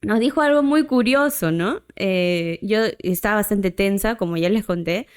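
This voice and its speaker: Speaking at a moderate pace with a medium-pitched, clear, resonant voice, a podcast host shares a personal story. She's chatty throughout and often adds a questioning "right?" to her sentences.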